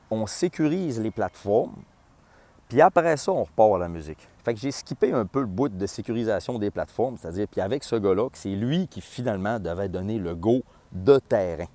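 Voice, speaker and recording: An excitable Quebec French man tells a festival story fast and loose. He swears and drops in sound effects. His voice is on the low side and close and dry on the mic. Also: no echo. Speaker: festival logistics director. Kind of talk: animated storytelling vlog.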